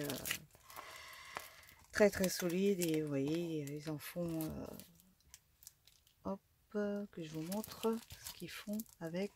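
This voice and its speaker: Slow, hesitant low-voiced woman. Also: a little mellow, a little hiss or hum. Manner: hesitant, many fillers and restarts. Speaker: craft vlogger. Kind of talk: casual unboxing commentary.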